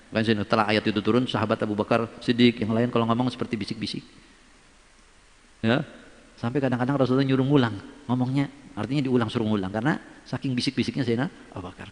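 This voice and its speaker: A man delivers a sermon at a brisk clip, his voice at an ordinary middle pitch. He tells his stories with animation and slips into the voices of the people he quotes. A long reverberant tail hangs on every phrase. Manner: lively storytelling, acts out quoted voices. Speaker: preacher. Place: large religious gathering at a shrine.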